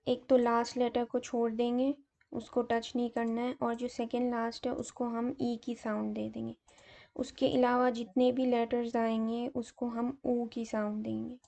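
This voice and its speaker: A woman delivers a grammar lesson at an unhurried pace, walking through each example methodically. Her voice is gravelly and mellow, a little higher than usual but held to a flat, even melody. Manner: slow, methodical explaining with fillers. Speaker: teacher.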